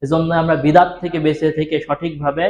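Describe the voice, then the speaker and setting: Preacher, man, fairly high voice, soft-spoken sermon with rhetorical questions, echoey hall PA. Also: flat delivery, fast. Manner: asks the audience rhetorical questions; speaks softly into a microphone. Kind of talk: Bengali Islamic sermon. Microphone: microphone on a PA system.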